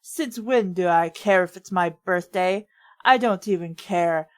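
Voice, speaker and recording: A woman voicing a gruff, irritable male hedgehog antihero in a fan fiction reading. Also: fairly low pitch, a little slow, voice pushed down, close to an everyday voice. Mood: sullen, angry.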